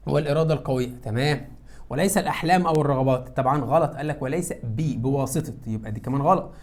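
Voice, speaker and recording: A man with an Egyptian Arabic accent teaching English to high school students, who asks questions and answers them himself. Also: very fast, darkish tone. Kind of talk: classroom lesson explaining exam answers.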